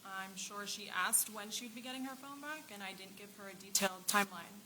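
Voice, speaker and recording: A woman's voice: mid-range voice, a little fast, pushed and bright. A woman testifying as a police detective in a courtroom, giving curt, firm and guarded answers. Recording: clearly noisy courtroom microphone with clicks.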